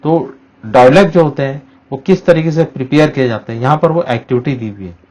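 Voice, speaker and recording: A man's voice: mid-range voice, fairly quick, darkish tone, highs cut off. A middle-aged man, a teacher explaining a lesson to students and slipping English phrases into his talk. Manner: explanatory, mixes English into Hindi-Urdu, frequent "uh" fillers.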